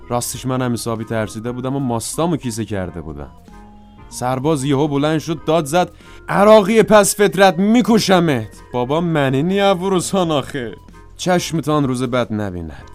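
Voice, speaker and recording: A man's voice: medium pitch, a little mellow, close to an everyday voice. An actor playing a hapless, bandaged wounded soldier who moans and complains as he tells his misfortunes. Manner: moaning, complaining comic storytelling.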